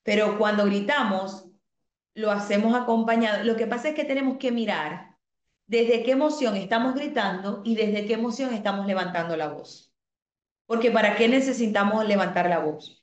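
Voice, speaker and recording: A woman teaching an online parenting class, explaining calmly, reading out comments from students and asking the class questions. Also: medium pitch, moderate pace, roomy sound. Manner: asks the class rhetorical questions.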